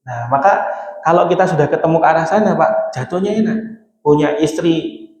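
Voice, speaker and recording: A man's voice: on the high side, brisk, darkish tone. A man giving a folksy, joking Islamic sermon in a mosque, often calling his listeners "Pak". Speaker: ustadz preacher. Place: mosque hall. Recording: echoey mosque hall with long reverb.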